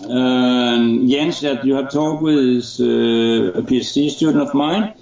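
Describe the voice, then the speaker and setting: A man's voice: medium pitch, unhurried, gravelly, darkish tone. A middle-aged man, an associate professor speaking thoughtfully and hesitantly, with many fillers, in an interview over a video call. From Denmark. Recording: echoey, muffled call audio.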